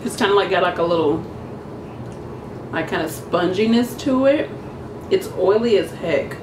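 A woman's voice: fairly low pitch, lively intonation, normal speed, roomy sound, recorded from a distance, background noise. Chatty woman talking while chewing. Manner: chatty, lots of fillers, addresses viewers as y'all. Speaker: vlogger doing a food taste test. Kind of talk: casual vlog talk to viewers.

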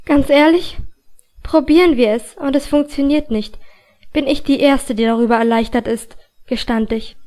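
A woman reading a fantasy audiobook in first person, with a calm, even storytelling delivery. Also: sits high, moderate pace. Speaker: audiobook reader.

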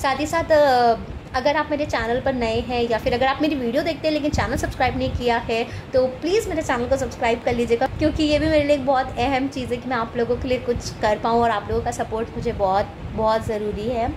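A woman's voice: on the high side, steady tone, fairly quick, few pauses, noisy background. A woman in her thirties, a vlogger chatting casually to a phone held at arm's length, mixing English words into her Hindi. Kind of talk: casual vlog chat to camera. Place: indoors at home. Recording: background music.

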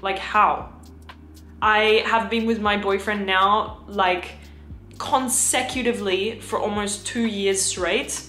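A woman's voice: steady tone, slow, roomy sound, faint music behind. Gushing young Australian woman vlogger. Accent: Australian, with some French influence. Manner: gushing and effusive, slips into a lowered, breathy hush. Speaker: fragrance vlogger. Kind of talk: casual chat.

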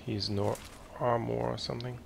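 A man giving casual commentary while playing a shooter game, with relaxed remarks between fights. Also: medium pitch, normal speed, creaky, heavy background noise. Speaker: gameplay commentator. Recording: loud gunfire over voice. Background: game gunfire and explosions.

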